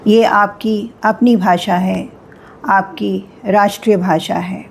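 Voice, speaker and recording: A woman teacher walks through spelling rules at an extremely unhurried pace. She spells out each sound with pauses. Her pitch sits in a middle register. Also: fairly even intonation, vocal fry, a little hiss or hum. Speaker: Hindi teacher. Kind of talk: slow spelling lesson.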